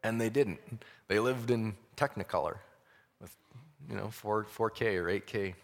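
A male preacher with a fairly low voice gives a conversational sermon in a large hall with long reverb. He speaks haltingly, repeating phrases for emphasis. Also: creaky.

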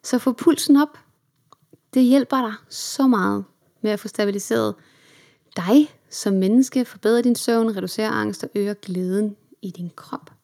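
A woman's voice: mid-range voice, gravelly, mellow. Upbeat Danish-speaking woman podcast host. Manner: upbeat and chatty, mixing in English words. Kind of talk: solo self-help podcast talk.

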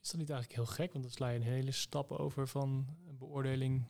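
A man's voice: medium pitch, fairly even intonation, fast talker, gravelly, a little mellow. A man with a Dutch accent, interviewing on a podcast with probing questions and some hesitation.

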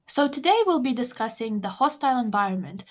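A young woman hosting a scripted podcast, explaining in a measured way with wry asides. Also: fairly high pitch, animated. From Lithuania. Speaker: podcast host.

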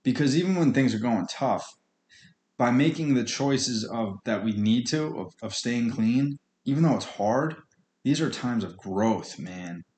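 A man's voice: medium pitch, lively intonation, measured pace, darkish tone, echoey room. A man hosting a podcast on his own, giving a blunt, earnest, informal motivational monologue with colloquial phrasing and swearing. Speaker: podcast host speaking on addiction recovery.

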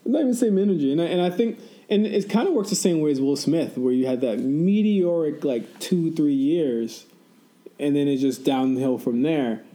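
A man's voice: fairly high pitch, lively intonation, moderate pace, dark tone. A man co-hosting a podcast, asking questions and adding short remarks in casual chat. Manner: asks questions, brief interjections.

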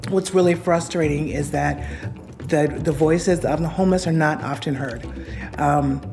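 A woman speaking in an interview with a very low voice, earnest and deliberate in how she lays out her points. Music plays clearly underneath her. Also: warm tone. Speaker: agency staff member.

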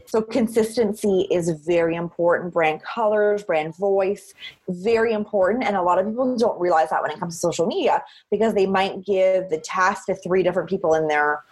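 An outgoing woman chats in an interview. Her voice has a husky edge, and she leans on repeated phrases to press her points. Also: lowish voice, normal speed, a little mellow. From Cape Breton, Canada. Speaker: interview guest, social media marketer. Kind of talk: conversational interview.

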